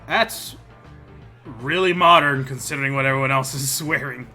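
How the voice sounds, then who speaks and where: A man's voice: mid-range voice, moderate pace, sharp tone. A man giving casual, sardonic commentary while playing a video game. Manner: sardonic, swears, laughs at the game. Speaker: let's play host. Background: faint game music.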